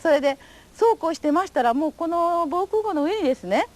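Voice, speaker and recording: An older woman from Japan, speaking at an extremely high pitch with lively intonation, a fairly quick pace, and a darkish tone, gives testimony as an atomic bomb survivor. Her recorded interview is told as polite, formal, vivid storytelling.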